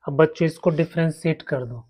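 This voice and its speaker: A man's voice: fairly high pitch, brisk, mellow, husky. A man teaching a maths lesson, walking his students through each step and repeating terms as he writes. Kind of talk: slow blackboard maths lesson.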